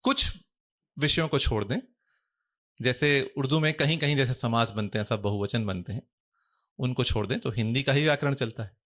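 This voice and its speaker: A man speaking as a guest in a podcast interview, measured and explanatory, using formal, Sanskrit-heavy Hindi. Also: medium pitch, fairly bright tone. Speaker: guest scholar.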